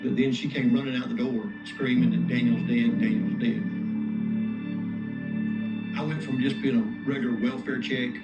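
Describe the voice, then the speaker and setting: A man's voice: medium pitch, steady tone, normal speed, pauses often. Plain-spoken man, ex-lieutenant giving an interview; muffled sound, heavy music bed. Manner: plain, matter-of-fact. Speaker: retired sheriff's lieutenant. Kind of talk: interview recollection. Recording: dull audio under loud music.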